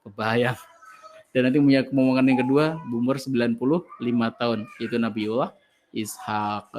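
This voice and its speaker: A man, an ustaz giving a religious lecture to an online study group and answering listeners' questions in an animated storytelling way. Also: medium pitch, normal speed, slight background noise.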